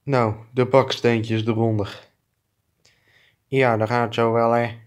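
A man's voice: medium pitch, flat delivery, takes it slowly, lightly acted. A man improvising a comic fan dub of two clumsy adult male neighbors who bicker, trading crude insults and swearing. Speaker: fan dubber.

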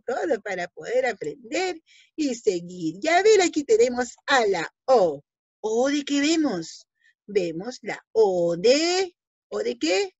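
A hoarse woman teaching young children in an online lesson, drawing out her words slowly and playfully. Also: a little high, a little mellow, dry recording. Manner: slow, sing-song, drawn-out words for small children. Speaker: preschool teacher. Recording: dull, lo-fi home video audio.

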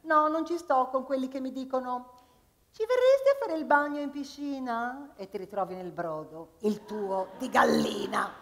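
A woman's voice: high voice, sing-song, normal speed. Woman playing a clucking hen who craves stardom. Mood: defiant, comic. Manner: clucking, comic sing-song rhyming delivery. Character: restless hen who dreams of being an actress. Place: stage in a hall before an audience. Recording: live hall with long reverb.

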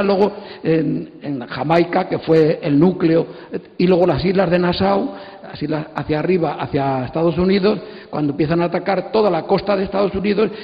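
A sixty-something Castilian-accented panelist from Spain delivers an animated, informal talk to an audience from an auditorium stage through a handheld microphone. His fairly high-pitched voice shows vocal fry, and he is emphatic and digressive, repeating phrases while explaining. The recording is a dull, echoey hall PA.

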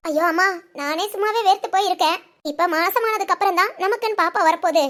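An anxious young pregnant wife from a cartoon family story, voiced by a woman. She talks fast and earnestly in a very high voice. Every line carries a pleading worry. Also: fairly bright tone. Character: young pregnant married daughter, anxious and put-upon. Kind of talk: cartoon family drama phone call.

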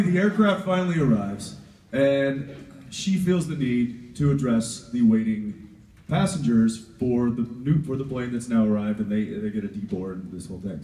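A man's voice: medium pitch, normal speed, dark tone. A man telling a meandering anecdote on a convention panel, with restarts and asides. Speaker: panel guest. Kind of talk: rambling anecdote on stage. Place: convention hall stage. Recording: roomy hall, voice from far off.

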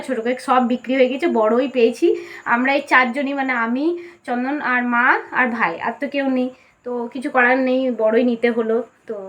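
A woman vlogger talks casually to her viewers in a fairly high voice. She moves along quickly and explains things at length. A cold has left her hoarse. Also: a bit bright. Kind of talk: casual chatty vlog narration to viewers.

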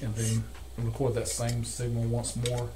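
In a cluttered electronics workshop, an older repair technician methodically demonstrates calibration at his bench, narrating each step. His medium-pitched voice is warm but monotone and a little slow, and the recording picks up workshop noise.

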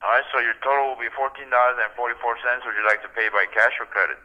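Fast-talking order taker over a phone line. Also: male voice, mid-range voice, fairly even intonation. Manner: businesslike, repeats questions patiently. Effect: heard over a phone line.

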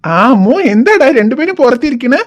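An affectionate father from a cartoon, voiced by a woman, his questions lilting and animated. The voice is still fairly high for a man. The audio is a little dull. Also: fairly quick. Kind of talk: cartoon voice acting.

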